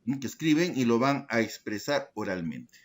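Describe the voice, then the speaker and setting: A man teaching a secondary school language lesson in an online class, explaining slowly and checking in with his students by asking short questions. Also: mid-range voice, sing-song. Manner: slow, deliberate explaining, tag questions to students.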